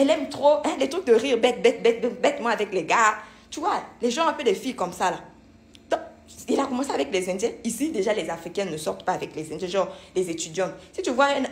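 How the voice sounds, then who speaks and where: Indignant young woman telling a story. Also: medium pitch. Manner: animated, indignant, repeats herself. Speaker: vlogger. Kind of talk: casual storytelling vlog. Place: at home.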